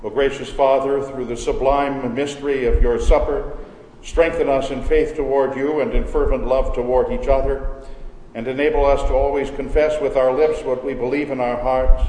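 A man leading a communion service as pastor, praying in a slow, measured, reverent way, his voice ringing with cathedral echo. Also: medium pitch, fairly even intonation, mellow. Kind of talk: solemn liturgical prayer. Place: large church sanctuary. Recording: echoey church hall with long reverb.

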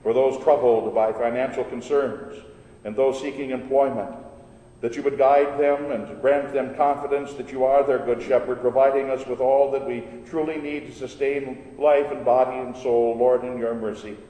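A man leading liturgical prayers in a measured, solemn way, his voice ringing with a cathedral echo. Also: fairly even intonation, dark tone. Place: large church. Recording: echoey hall with long reverb, faint rumble.

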